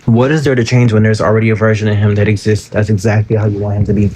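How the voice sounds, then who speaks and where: A man's voice: fairly low pitch, little pitch movement, quick pace, mellow, slight background noise. A man giving casual manifestation advice on a live stream, reading viewer comments aloud and answering them in a chatty way full of fillers, into a phone.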